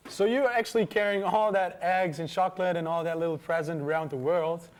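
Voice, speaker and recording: High-voiced male student TV host. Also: fairly even intonation, a little fast, clean tone. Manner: chatty, stumbling restarts. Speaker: host and interviewer. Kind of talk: student TV magazine presenting.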